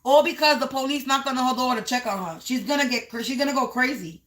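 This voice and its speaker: A woman's voice: high-pitched, fast talker, a bit bright. A woman giving a live psychic reading, narrating visions as they come to her, repeating phrases and stretching out key words for emphasis. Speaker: psychic reader.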